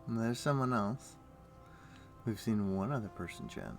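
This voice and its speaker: Sounding like he just woke up, a male game streamer talks casually to his audience in gamer slang as he commentates live over background music. His pitch is on the low side and his pace moderate.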